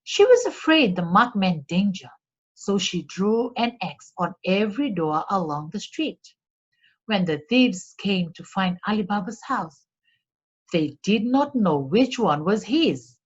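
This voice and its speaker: Using a mid-range, husky voice, a woman narrates a storybook for children in a deliberate, expressive read-aloud style. The recording is slightly dull.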